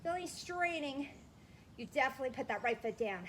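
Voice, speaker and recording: A woman leading a workout while exercising along, somewhat breathless, giving short form cues and steady encouragement. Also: high-pitched, brisk, a little hiss or hum. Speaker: fitness instructor leading a workout. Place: indoors on carpet.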